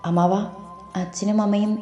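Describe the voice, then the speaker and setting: A woman's voice: medium pitch, little pitch movement, moderate pace, dark tone, reverberant, faint music behind, natural voice. A woman voicing a shocked, grieving young woman in an audio story. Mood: distressed. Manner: tearful.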